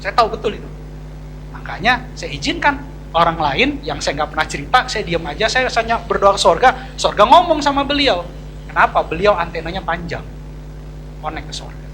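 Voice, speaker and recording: A man's voice: high voice, big pitch swings, brisk, noisy background. A man, a pastor, preaching a sermon to a church congregation in a chatty, confiding way with slangy asides. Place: church service.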